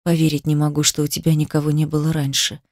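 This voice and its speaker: A woman voicing a tender, brooding young stepbrother in a murmuring, lowered voice, in a romance audiobook. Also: fairly even intonation, moderate pace, darkish tone, dry recording, studio quality, lightly acted.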